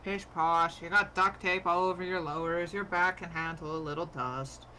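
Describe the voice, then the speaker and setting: A woman's voice: lowish voice, fairly even intonation, normal speed, pushed and bright, slight background noise, poor audio. A woman playing a brusque, impatient, eccentric female robot surgeon in a tabletop game, curt and dismissive. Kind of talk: role-play in a tabletop game.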